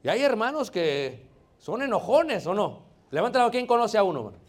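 A man preaching a sermon in a conversational way, often addressing his listeners as brothers and sometimes rising to loud emphasis. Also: high-pitched, very animated, fairly quick, husky.

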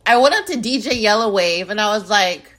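A woman in her twenties hosting her own podcast in casual, playful chat that swings between loud bursts and low mumbles. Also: lively intonation, fairly quick. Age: 20s. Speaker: podcast host. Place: home in Arizona. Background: music beat playing.

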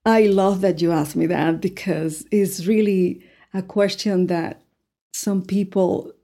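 A woman's voice: on the low side, steady tone, takes it slowly, vocal fry, dark tone. A woman, talking earnestly as an interview guest, with many fillers. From Puerto Rico. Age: 60s. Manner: earnest, with frequent fillers and light laughs. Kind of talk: conversational interview.

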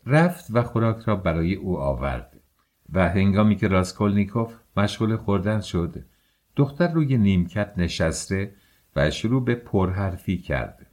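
Deep-voiced man narrating a novel. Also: expressive, darkish tone. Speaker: audiobook narrator. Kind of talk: scripted literary narration.

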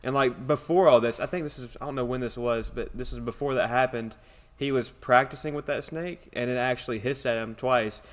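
A man's voice: mid-range voice, brisk, few pauses. A man co-hosting a podcast in a casual, conversational style, with the echo of a church sanctuary. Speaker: podcast co-host. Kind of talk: casual chat.

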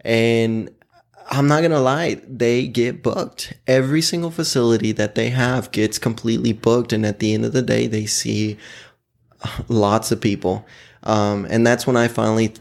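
A young man with a gravelly, creaky edge to his mid-pitched voice tells frank stories from his own life. He talks casually, laughs a lot and curses without a second thought. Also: steady tone, normal speed. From Oklahoma, USA. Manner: candid, laughs often, swears freely. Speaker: podcast guest. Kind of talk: casual personal storytelling.

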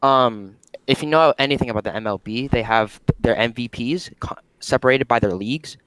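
A man's voice: mid-range voice, fairly quick, fairly bright tone, clear, resonant tone, no room sound, poor audio. A young man calling in to a casual sports talk to ask a question. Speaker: caller asking a question.

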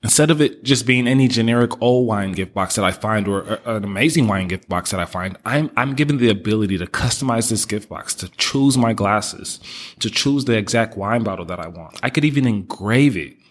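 A man's voice: fairly low pitch, expressive, fairly quick, a little hiss or hum. A man hosting a business podcast, upbeat and motivational, talking straight to his listeners. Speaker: podcast host. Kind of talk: casual business podcast talk.

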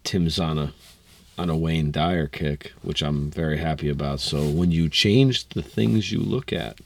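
A man's voice: extremely low pitch, a little slow, gravelly, no room sound. A man co-hosting a podcast in a teasing, playful, casual way. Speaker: podcast co-host. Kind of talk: casual chat.

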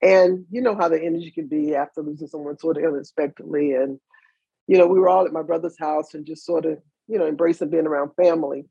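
A woman with a gravelly, husky voice speaks earnestly as she recounts family moments in an interview. Her delivery is reflective and animated, and the slightly dull, lo-fi audio softens her tone. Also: deep voice, fast, dry recording. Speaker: mother of a basketball player, guest. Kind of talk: emotional interview storytelling.

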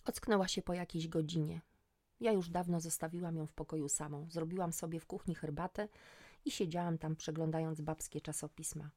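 Wry, low-voiced woman narrator. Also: fairly even intonation, fairly quick, warm tone, no room sound. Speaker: audiobook narrator. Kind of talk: first-person audiobook narration.

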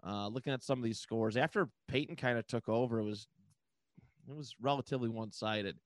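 A man's voice: medium pitch, fairly quick, no room sound. A man co-hosting a podcast, chatting casually about football, rambling with lots of fillers and restarts. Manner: rambling, hesitant, many fillers. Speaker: podcast co-host. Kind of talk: casual sports chat.

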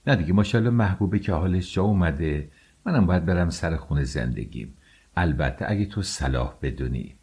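A man's voice: sits low, lively intonation, darkish tone, slightly rough, exaggerated voice. A man reading an audiobook, voicing a self-pitying older mother-in-law who wails and reproaches. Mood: sugary. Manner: wailing, reproachful.

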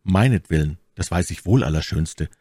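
A man's voice: deep voice, animated, normal speed, warm tone, breathy edge, no room sound, clean studio sound, full character voice. A man voicing a young, self-assured musketeer who talks persuasively. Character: young scheming male musketeer, smooth-talking.

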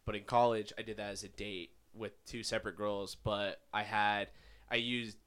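A man in his twenties co-hosting a casual chat at home, animated and profane, full of "like" fillers, into a big microphone. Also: on the low side, moderate pace, clean tone. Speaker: podcast co-host. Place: home bedroom. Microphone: large studio-style microphone.

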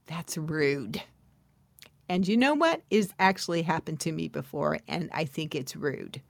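Slow, playful woman podcast host. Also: low-pitched, expressive, creaky, no echo. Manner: playful, chatty, talks straight to listeners with asides and laughs; drops to whispers for emphasis. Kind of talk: casual podcast monologue.

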